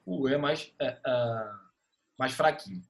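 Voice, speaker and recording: A man's voice: mid-range voice, a little slow. A man with a Brazilian Portuguese accent, teaching an online class and patiently checking that the students are following. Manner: patient, checks understanding with frequent "tá bom?".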